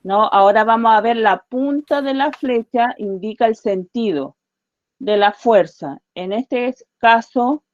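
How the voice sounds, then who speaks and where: Slow, patient woman teaching children. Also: a little high, no room sound, lo-fi sound. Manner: patient, slow and deliberate, repeating questions. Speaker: primary school teacher. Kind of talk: online science lesson for children.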